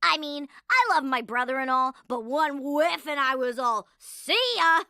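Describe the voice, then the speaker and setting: A woman's voice: sits high, animated, a little slow, sharp tone, no echo, clean studio sound, heavily acted. A woman voicing a blunt, teasing teenage girl dragon in a cartoon. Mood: matter-of-fact. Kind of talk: cartoon voice acting.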